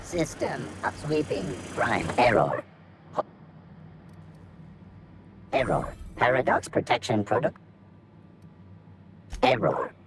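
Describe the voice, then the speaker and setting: A malfunctioning game robot that keeps glitching. It stutters and breaks off its own words in a slow, halting delivery. Its pitch jumps all over the place. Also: huge pitch swings, exaggerated voice. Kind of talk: video game dialogue.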